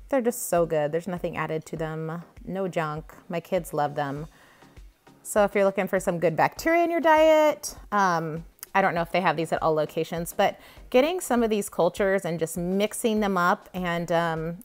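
A woman with a voice on the low side vlogs a grocery haul tour, filming on a handheld phone from behind the camera inside a grocery store. She chats casually and enthusiastically, gushing over products, with store ambience noise and faint music in the background.

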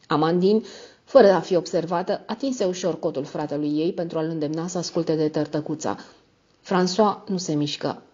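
Low-voiced woman narrating a classic novel. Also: mellow, slightly rough. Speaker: audiobook narrator. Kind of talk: scripted narration. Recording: dull lo-fi audio.

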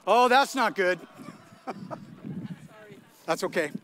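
A man's voice: high voice, animated, slow, bright, forceful tone. An older man giving a playful outdoor commencement speech at a podium mic, quizzing the audience. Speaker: commencement speaker. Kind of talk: lively speech to a crowd. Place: outdoor stadium ceremony.

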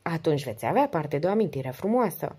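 A woman voicing a beautiful young woman in an audiobook, speaking softly and wistfully. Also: deep voice, big pitch swings, breathy edge, heavily acted.

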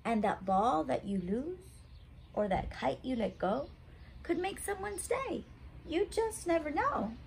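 Poor audio with a slight hiss or hum carries this woman's high-pitched, creaky voice at a measured pace. In her thirties, she hosts story time for young kids from a small room at home, using expressive, simple, child-directed talk full of questions.

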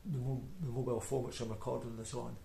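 Fast and creaky, with a dark, medium-pitched voice that barely moves in pitch, a broad-accented Scottish man in his forties chats through his video diary as a beginner painter, rambling, hesitant and self-deprecating. He sits at a table indoors, recorded by an off-camera microphone with roomy echo, background noise and clicks.

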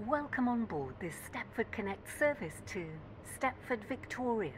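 A woman giving automated onboard train announcements made of spliced-together recorded words. Her delivery is steady and formal, with abrupt pitch jumps on station names. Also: normal speed, slight background noise. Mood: announcing.

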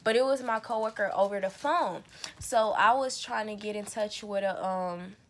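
A young woman in a car, and later a small room, talks casually to her phone camera held at arm's length. She is playful and teasing, speaking at normal speed in a mid-range voice.

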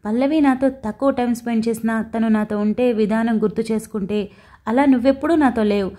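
A woman's voice: fairly high pitch, brisk, dark tone, natural voice. A woman voicing a stern young man in an audio story, firm and threatening.

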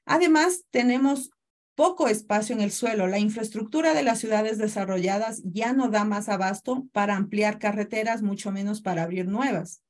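A woman's voice: mid-range voice, normal speed, darkish tone. Ecuadorian woman in her thirties, courteous webinar presenter on a video call mic. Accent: Ecuadorian Spanish. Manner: courteous, greets attendees by name, explanatory. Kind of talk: online presentation.

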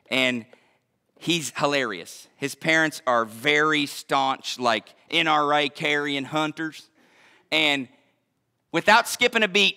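High, bright-voiced preaching pastor. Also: male voice. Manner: emphatic preaching, shouts and drops to a hush. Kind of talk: sermon. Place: church sanctuary.

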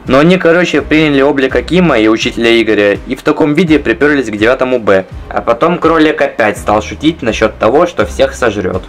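A man's voice: medium pitch, lively intonation, quick pace, hardly any pauses. A young adult man speaking scripted comic dialogue. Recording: music under the voice.

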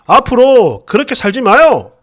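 A woman's voice: on the high side, very animated, moderate pace. A stern father, played by a woman narrator, who snaps with curt, accusing questions. His tone is harsh and pushy throughout. It sits in a dramatized reading of an online story. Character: stern, confrontational young father, middle-aged man.

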